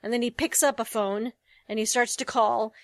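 A woman co-hosting a podcast chats loosely about a TV episode, rambling and correcting herself as she goes. Her voice is fairly high-pitched, with fairly even intonation and normal speed, in a dry recording.

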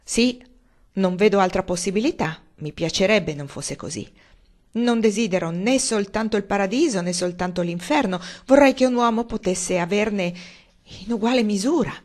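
Woman reading as a booming gruff old man, scornful and blustering, louder than her narration. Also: moderate pace, lightly acted.

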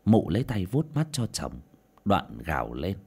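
Expressive male storyteller, low voice. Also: normal speed, slightly rough. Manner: expressive, dramatic storytelling delivery. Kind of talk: dramatic story narration.

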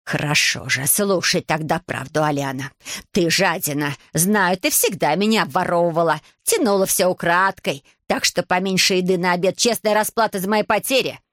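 A woman's voice: normal speed, a bit bright, dry recording, clean studio sound, natural voice. A woman voicing a spiteful, scheming middle-aged stepmother who snaps out accusations, read for an audiobook. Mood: venomous. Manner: snapping, shrill and accusing.

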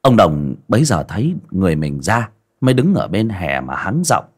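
A man narrating a folksy story in an expressive, vivid way. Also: sits low, normal speed.

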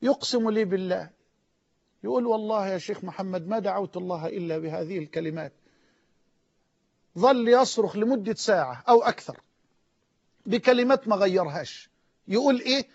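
A man with an Egyptian accent preaching an emotional sermon, swinging from near-shouts to low, hushed lines. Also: lively intonation, fairly quick, long pauses. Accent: Egyptian Arabic. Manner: impassioned, rising to near-shouts and dropping low. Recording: dull lo-fi audio.

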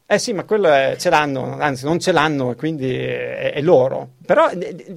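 A man's voice: fairly high pitch, moderate pace, gravelly. A man hosting a radio talk show in a studio, chatting animatedly and laughing often, with frequent restarts. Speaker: radio host. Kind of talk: casual studio chat.

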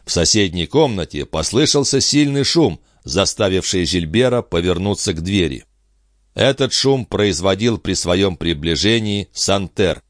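Male audiobook narrator, low, lively intonation, dry close read. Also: a little slow, no echo. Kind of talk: scripted narration.

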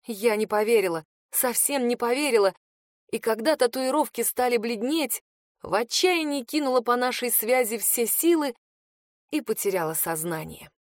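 A woman narrating a first-person fantasy audiobook in a steady, expressive reading. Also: a little high, normal speed, no room sound. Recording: dry close studio sound.

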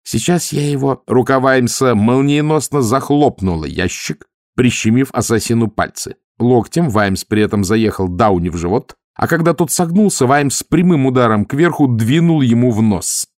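A man reading an audiobook aloud in a lively, theatrical way. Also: medium pitch, moderate pace, few pauses, dry recording, clean studio sound. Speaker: audiobook narrator.

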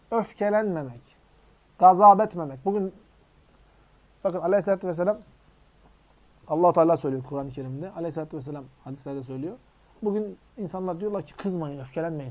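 A man's voice: high voice, darkish tone. A man giving a religious hadith lesson, putting rhetorical questions to his listeners. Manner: asks the audience rhetorical questions. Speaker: religious teacher. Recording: dull lo-fi recording.

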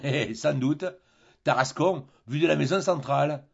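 A man voicing a jovial, mocking male sea captain who talks in a loud, teasing, worldly way. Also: a little high, a little slow, gravelly, breathy edge, muffled recording, pitched above the performer's own voice, heavily acted.

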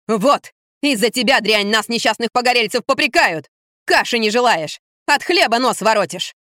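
A woman doing a shrill, screaming bully of a mother. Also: fairly quick, no echo, clean studio sound, natural voice. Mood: furious. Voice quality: harsh, sharp voice. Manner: yelling and scolding. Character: shrill, bullying middle-aged mother, always furious. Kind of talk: audiobook reading.

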